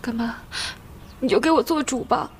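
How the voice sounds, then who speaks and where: Casting: young woman as a distressed goddaughter, high voice, pleading. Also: moderate pace, a little hiss or hum, close to an everyday voice. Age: young adult. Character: tearful, anxious young woman. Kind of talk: TV drama acting.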